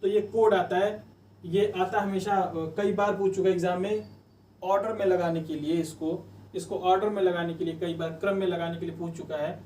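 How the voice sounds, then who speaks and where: A man's voice: high-pitched, steady tone, normal speed, a little mellow, roomy sound, recorded from a distance, slight background noise, poor audio. A male teacher giving a chatty exam-coaching lecture, repeating memory tricks over and over. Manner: chatty, repetitive drilling of mnemonics.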